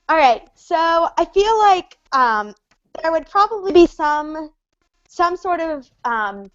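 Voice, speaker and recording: Bubbly high-voiced woman rambling on a livestream. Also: dull audio. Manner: bubbly, rambling, full of fillers. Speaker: host. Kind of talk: casual livestream chat.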